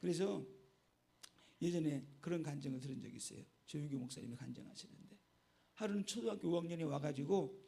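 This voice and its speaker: A man's voice: on the high side, quick pace, vocal fry, dark tone. A man, a pastor, preaching a sermon and telling stories, often checking in with the congregation with a short "eh?". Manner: storytelling, keeps prompting the congregation with short "eh?".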